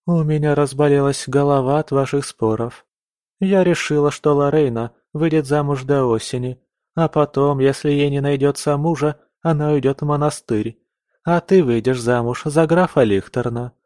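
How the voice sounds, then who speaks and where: A man's voice: fairly high pitch, moderate pace, a little mellow, no echo, studio quality, voice pushed up, close to an everyday voice. A man voicing a noble mother who soothes her daughters but lays down the law firmly. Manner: soothing yet firm and commanding. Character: stern, fussy noble mother of two daughters.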